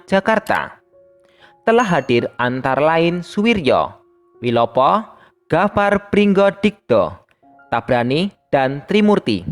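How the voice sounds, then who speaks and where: Brief: steady, even-toned teacher voice reading a primary school lesson aloud, faint music underneath. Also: medium pitch. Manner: reads steadily, addressing pupils as younger siblings. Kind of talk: scripted lesson narration.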